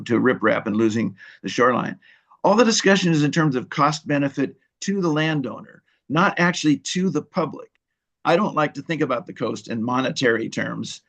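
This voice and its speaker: A man giving earnest public comment to a commission, pausing often with fillers as he urges action. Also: mid-range voice, creaky, lo-fi sound. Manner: earnest, halting with many fillers. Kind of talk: public testimony.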